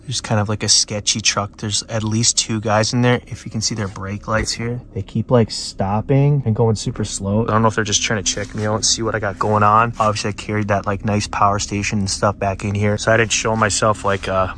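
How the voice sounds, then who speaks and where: A man's voice: lowish voice, flat delivery, brisk, hardly any pauses, fairly bright tone. A man talking casually and a bit hesitantly to camera, uneasy, inside a van. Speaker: solo camper vlogger.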